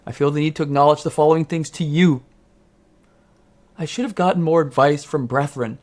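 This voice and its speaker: A man voicing a contrite, formal middle-aged businessman who reads out a solemn apology letter, slowly and gravely. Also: on the high side, steady tone, lightly acted. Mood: solemn, remorseful.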